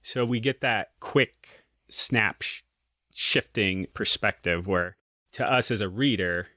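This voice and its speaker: A man's voice: fairly low pitch, slow pace, sharp tone, dry recording, studio quality. A man co-hosting a podcast, talking over a short story in an easygoing, reflective way. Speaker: podcast co-host. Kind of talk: casual book discussion.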